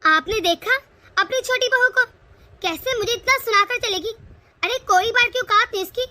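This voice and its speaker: A woman's voice: extremely high pitch, normal speed, bright, forceful tone. A woman voicing a scheming, vengeful middle-aged mother-in-law in a cartoon, with taunting, spiteful muttering.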